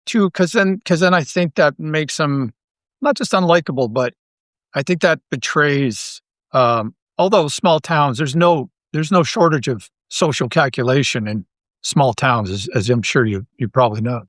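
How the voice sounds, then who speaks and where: A man from Toronto, a writer and creator, talking as a guest in a relaxed interview, thinking aloud with many restarts. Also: mid-range voice, moderate pace, no room sound, clean studio sound. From Toronto, Canada. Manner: thoughtful, many restarts and stammers. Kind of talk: casual interview chat.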